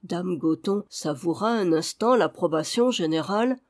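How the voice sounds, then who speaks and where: Measured audiobook narrator. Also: mid-range voice, expressive, darkish tone. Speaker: audiobook reader. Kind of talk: scripted narration.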